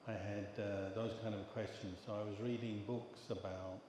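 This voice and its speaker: An older English man, a Buddhist monk, giving a dharma talk in a calm, measured storytelling way. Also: lowish voice. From England. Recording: echoey hall with long reverb and background noise.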